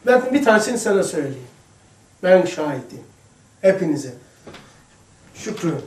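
A man giving an informal religious lesson to a small group, chatty and addressing listeners by name, moving between hushed asides and emphatic passages. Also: high-pitched, very animated, normal speed, slight background noise. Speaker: religious teacher. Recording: echoey room, distant mic.

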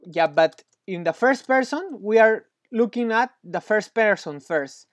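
A Spanish teacher tutors one student, speaking in a high, lively voice at a slightly slow pace. He is patient and encouraging, praises often, and his English has a slightly non-native phrasing. The recording is muffled but has no echo.

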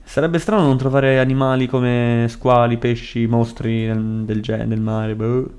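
A young man with a Florentine Italian accent giving casual gameplay commentary, excitable and swearing a lot. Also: mid-range voice, measured pace. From Italy. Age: young adult. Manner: excitable, swears a lot, shrieks when startled. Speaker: gaming youtuber.

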